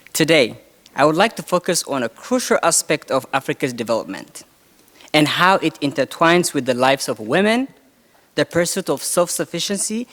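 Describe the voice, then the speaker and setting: A man delivering a prepared, formal speech in a measured way. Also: mid-range voice, a bit bright. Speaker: speaker.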